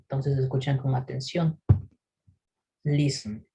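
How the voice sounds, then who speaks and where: Slow, gravelly male English teacher. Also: on the high side, steady tone, mellow, rough recording. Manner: patient, checks in often with a questioning "¿sí?"; models English words slowly for repetition. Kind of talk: recorded online pronunciation lesson.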